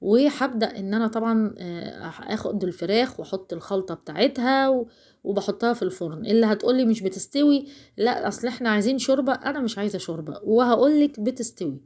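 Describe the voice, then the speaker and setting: A woman's voice: mid-range voice, fast, darkish tone. A woman with an Alexandrian Egyptian accent, chatting casually to viewers while cooking, rambling and talking straight to them. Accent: Alexandrian Egyptian Arabic. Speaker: cooking vlogger.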